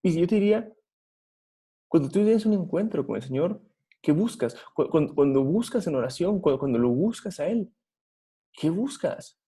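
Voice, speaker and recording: A man's voice: on the high side, animated, normal speed, mellow, husky. A man with a Guatemalan Spanish accent preaching a Bible study sermon, earnest and putting rhetorical questions to his listeners.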